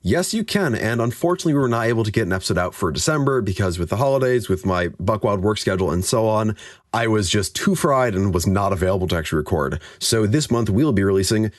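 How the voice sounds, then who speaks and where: A man co-hosting a podcast, reading a story aloud and chatting casually, animated and jokey. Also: lowish voice, fast talker, no echo, studio quality. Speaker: podcast co-host and story reader.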